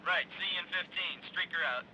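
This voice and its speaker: A man's voice: high-pitched, fairly quick, sharp tone. An actor playing a male trucker calling over CB radio with clipped trucker slang, heard through a radio effect. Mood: businesslike. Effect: trucker CB radio transmission. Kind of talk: TV drama acting. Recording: muffled CB radio over noise.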